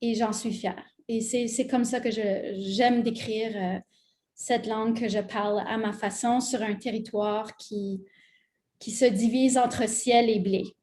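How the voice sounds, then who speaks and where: A woman's voice: on the high side, steady tone, measured pace, dark tone. A woman with a Fransaskois French accent, speaking earnestly with many fillers on a webinar panel. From Saskatchewan, Canada. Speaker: guest artist.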